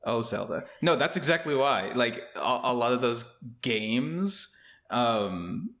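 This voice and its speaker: A man's voice: medium pitch, big pitch swings, slow, a bit bright. A young man co-hosting a casual podcast. He rambles with many fillers and restarts, and his voice echoes like a cave because his room is still empty. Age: young adult. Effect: cave-like echo from an empty, bare room. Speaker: podcast co-host. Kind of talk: casual chat. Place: empty new home office, indoors.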